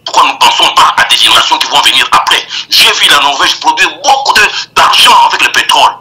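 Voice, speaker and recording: Older guy on a tinny phone line, sharp bright voice, fired up and repeating himself. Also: fairly high pitch, very animated, fast talker. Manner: emphatic, repetitive, stammering restarts. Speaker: political commentator guest. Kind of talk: impassioned political commentary by phone.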